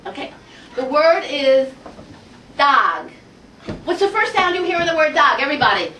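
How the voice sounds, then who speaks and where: High-voiced woman teaching a classroom lesson. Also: normal speed, a little hiss or hum. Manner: energetic, coaxing, asks the class many questions. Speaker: Hebrew teacher. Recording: roomy classroom audio from far off.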